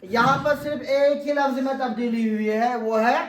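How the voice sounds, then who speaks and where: Guy teaching grammar, really high voice, keeps asking his student questions, echoey room heard from far off. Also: steady tone, normal speed. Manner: quizzes the student with repeated questions. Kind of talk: classroom lesson with question and answer.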